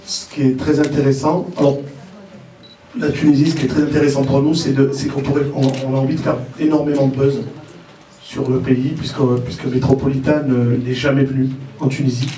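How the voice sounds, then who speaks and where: A male presenter of Algerian family origin, president of a model contest, speaks informally to the press at a presentation. His mellow, mid-range voice stays fairly flat in pitch as he explains haltingly, hesitating and repeating words. The mic is distant, giving a roomy echo with faint background noise.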